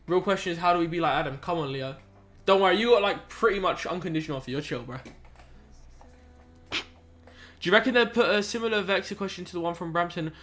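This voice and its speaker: A young adult man streams live in a laid-back, chatty way, using slang, reading chat aloud and muttering as he works through maths questions. His high, fairly bright voice is animated and fast, broken by long pauses.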